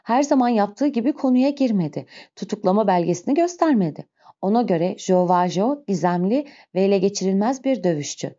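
Mellow-voiced woman narrating a novel. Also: medium pitch, fairly quick. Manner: steady, expressive storytelling. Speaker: audiobook narrator. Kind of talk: dramatic literary narration. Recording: slightly muffled recording.

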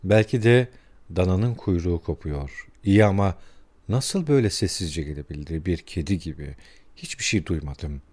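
A man's voice: on the low side, lively intonation, brisk, mellow, dry recording. A man voicing a tense, brooding young male student in a storybook reading.

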